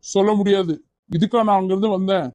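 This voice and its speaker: Man voicing an evasive young lover, dark voice. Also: high-pitched, steady tone, quick pace, no echo, lightly acted. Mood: defensive. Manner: defensive, irritated. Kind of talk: cartoon voice acting.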